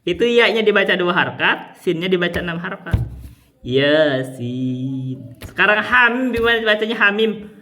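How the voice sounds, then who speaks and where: A man teaching Quran recitation rules, explaining patiently and demonstrating long drawn-out recited syllables. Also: high voice, lively intonation, bright, forceful tone. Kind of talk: tajwid lesson with recited examples.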